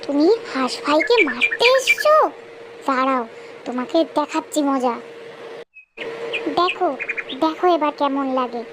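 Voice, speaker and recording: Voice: high voice, big pitch swings, a little slow, pauses often, background noise. A performer voicing a small, brave, helpful cartoon mouse in a children's story, exclaiming and repeating phrases. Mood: indignant.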